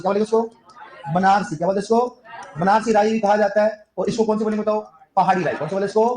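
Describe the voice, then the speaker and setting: A man's voice: high voice, darkish tone, echoey room. A man teaching an agriculture class, firing repeated questions at students and coaxing answers. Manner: scolds the class jokingly. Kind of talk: classroom lecture with call-and-response questions.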